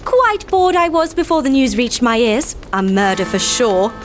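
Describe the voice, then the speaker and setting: Posh gossip, female, high and swooping, plummy, music under. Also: big pitch swings, normal speed. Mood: gossipy. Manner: plummy, theatrical, exaggerated. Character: gossiping posh Victorian London lady. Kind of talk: comedy radio play acting. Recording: music behind.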